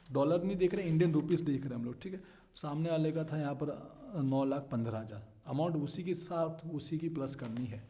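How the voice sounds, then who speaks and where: A man's voice: a little high, warm tone. A man, teaching an accounting solution step by step and checking in with his students. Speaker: commerce tutor.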